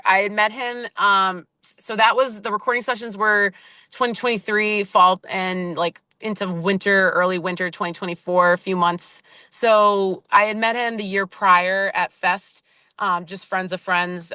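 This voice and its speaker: A woman's voice: medium pitch, bright, forceful tone, smooth, no room sound. A woman musician chatting casually in an interview, rambling with many fillers and restarts. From Boston area, US. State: just woke up from a nap. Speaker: band member, interview guest.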